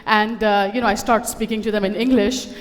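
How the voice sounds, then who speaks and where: Before an audience on a conference stage, a woman raised in Dubai gives a witty personal talk in a chatty style with wry asides. She speaks fairly quickly at a medium pitch with fairly even intonation, and the room sounds big.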